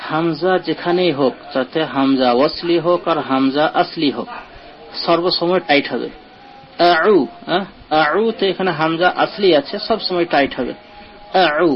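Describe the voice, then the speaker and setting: A man teaching the rules of Quran recitation, explaining each rule step by step and slowly chanting the example words. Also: on the high side, slight background noise. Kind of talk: online tajweed lesson explanation. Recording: dull lo-fi audio.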